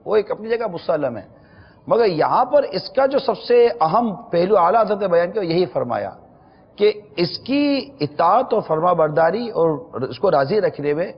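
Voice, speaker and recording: A man hosting a religious talk show, explaining patiently and slowing down to stress key points. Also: high voice, big pitch swings, big-room sound, muffled recording. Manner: measured, explanatory, slows for emphasis. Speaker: religious scholar answering questions.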